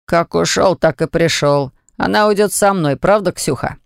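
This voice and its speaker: A man's voice: fairly high pitch, moderate pace, creaky, clear, resonant tone, dry recording, studio quality. A man reading an audiobook, voicing a pushy, cocky young ex-boyfriend.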